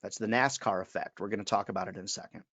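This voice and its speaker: A man's voice: on the low side, racing, fairly bright tone, no echo. A man, giving an emphatic webinar talk as a sales trainer and calling his listeners friends. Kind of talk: webinar presentation.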